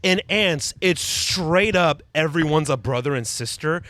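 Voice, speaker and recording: Animated guy co-hosting a podcast, acts out quotes, fairly high voice, dry mic. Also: measured pace, no echo. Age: adult with young kids. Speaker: podcast co-host. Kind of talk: casual chat.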